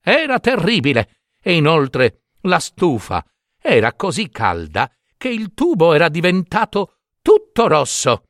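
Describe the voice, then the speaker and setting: A man reading a fairy tale aloud at a slow, unhurried pace, his voice rising and falling with lots of expression. He sounds playful as he tells the story. The sound is close and dry. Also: a little high, no room sound. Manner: animated, playful.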